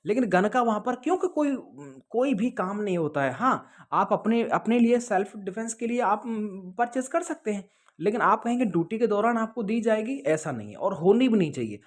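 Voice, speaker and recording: A high-pitched man hosts a casual Q&A to camera, answering viewers' questions about police jobs. He sounds conversational and advising, often checking the listener is following with "okay?" and "understood?"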